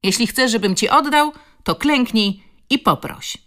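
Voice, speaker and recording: A woman voicing a tall, cocky schoolboy bully who taunts and shouts in a raised voice. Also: on the low side, sing-song, a little slow. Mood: mocking.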